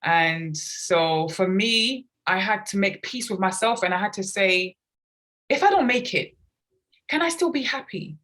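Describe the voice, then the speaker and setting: A woman raised in London, England, appears as a guest on a conversational podcast interview; she is a children's author and artist. Her mid-range voice has lively intonation and a fairly bright tone, and she speaks unhurriedly. Earnest and reflective, she talks at length about her personal experience.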